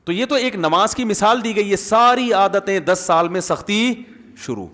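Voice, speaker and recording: A man giving a humorous, animated sermon, often asking the audience questions. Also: sits high. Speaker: Islamic preacher. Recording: long hall reverb.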